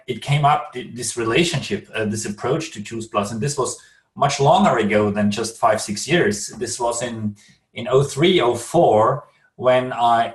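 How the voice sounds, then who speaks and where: A man from Austria, a clinical research director, appears as a guest on a video call interview, speaking carefully with an Austrian accent and many restarts. His mid-range voice sounds distant from the mic in an echoey room.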